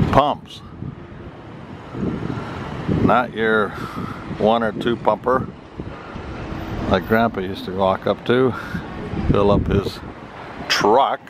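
An older man narrating a walking tour vlog in a slow, leisurely way with amused asides, filmed on a handheld camera in a large store. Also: mid-range voice. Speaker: vlogger. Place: large busy store and gas station forecourt. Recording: loud crowd and store noise.

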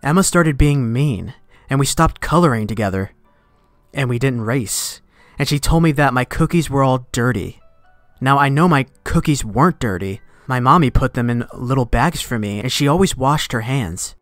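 A man reading a horror story aloud in a measured voice that sinks to a hush at tense moments, with faint music behind. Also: medium pitch, expressive, dry recording. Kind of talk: scripted horror narration. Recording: dry close recording, faint music behind.

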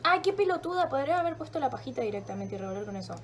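Racing along in a high voice with big pitch swings, a young Rioplatense Spanish-accented woman vlogs casually from her kitchen at home. She's chatty and rambling, mocks herself, swears freely, and sounds congested with a sore throat.

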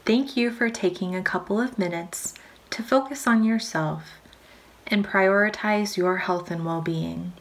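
Calm and measured, a medium-pitched woman's voice guides listeners through a scripted imagery meditation, soothing in tone and broken by long pauses.

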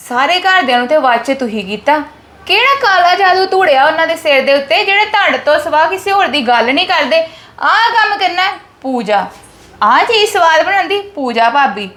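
A woman's voice: extremely high pitch, pushed and bright. A woman acting a resentful daughter-in-law in a family drama skit, scolding and complaining.

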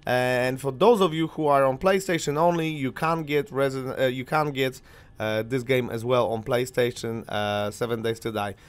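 Here a gaming channel host, young, male, and Polish by birth and first language, talks smoothly at normal speed in a medium pitch. Casual and chatty, he rambles with plenty of fillers while narrating gameplay into his headset mic.

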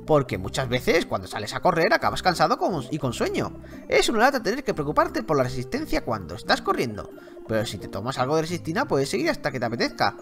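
A man with a Spain Spanish accent reading aloud the lines of a chatty, tiresome male game character, a bit lower and softer than his own talk. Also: creaky, heavily acted.

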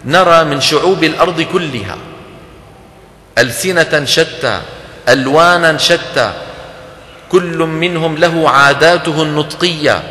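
A man's voice: a little high, unhurried, pauses often, sharp tone. A man giving a religious lecture on Quran recitation, explaining points and quizzing his audience. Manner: explanatory, asks the audience questions and demonstrates sounds. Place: lecture hall. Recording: echoey hall recording.

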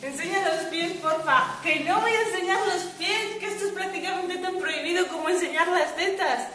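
Chatty high-voiced woman from Spain. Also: moderate pace, sharp tone, echoey room. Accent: Spain Spanish. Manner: chatty, laughs often, reads viewer comments aloud. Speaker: livestream host. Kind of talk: casual livestream chat. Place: at home lying in a swaying hammock. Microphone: phone.

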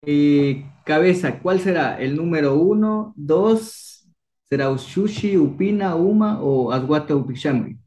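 A man's voice: on the high side, lively intonation, unhurried, warm tone. A young man from Ecuador teaching a language class, coaxing students with encouraging quiz questions. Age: young adult. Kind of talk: online class, quizzing students.

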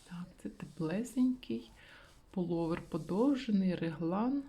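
Soft-spoken woman, half-whispering, mellow voice. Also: fairly low pitch, expressive, unhurried. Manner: soft, often whispering, hesitant with fillers. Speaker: knitting channel host. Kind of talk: casual magazine review, half-whispered.

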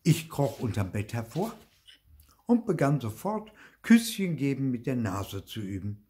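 Slow, lively older storyteller man. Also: mid-range voice. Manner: slow, lively, tells it in a boy's voice. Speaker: storybook reader. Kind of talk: children's storybook reading.

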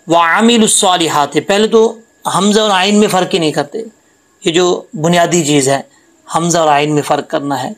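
A man teaching Quran tajweed, explaining letter sounds patiently and repeating them slowly. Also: on the high side, low-quality recording. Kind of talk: Quran tajweed lesson with recitation.

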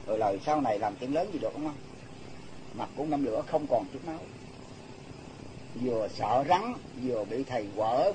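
A man with a fairly high voice tells devotional tales in a plain, homely way. He circles back over his phrases and restarts them as he goes. A faint hiss sits behind him. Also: a little mellow, low-quality recording. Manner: homely, repetitive retelling, often restarting phrases. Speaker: religious storyteller. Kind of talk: devotional storytelling to listeners.

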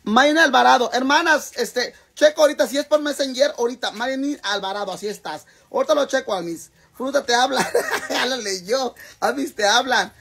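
A man's voice: extremely high pitch, brisk, gravelly, few pauses, fairly bright tone, husky. A man with a Mexican accent, chatting casually and rowdily on a cooking live stream, swearing freely and calling his viewers sisters. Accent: Mexican Spanish. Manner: rowdy, swears freely, calls viewers "hermanas".

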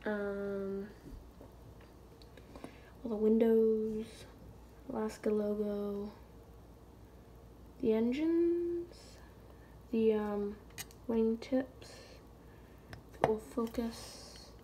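A woman giving a casual unboxing review of a scale model, filmed on a phone, hesitant with many ums and pauses. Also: a little high, warm tone, slight background noise. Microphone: phone camera.

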